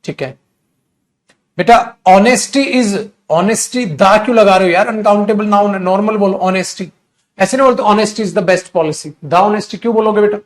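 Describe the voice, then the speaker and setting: High-voiced Indian man teaching English grammar. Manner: addresses students as beta, dictates sentences slowly then corrects quickly. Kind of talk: live online grammar class.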